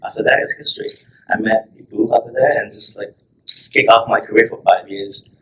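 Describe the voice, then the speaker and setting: A film director from Thailand, raised in Florida, talking casually at a festival Q&A and laughing often. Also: male voice, fairly low pitch, steady tone, fairly quick, a bit bright. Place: screening venue with audience. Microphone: far from the mic. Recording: echoey room, heard from a distance.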